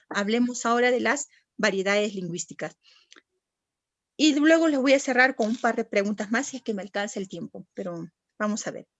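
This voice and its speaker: A woman's voice: a little high, no room sound. A woman teacher, giving a classroom lecture and patiently asking the class questions and answering them herself.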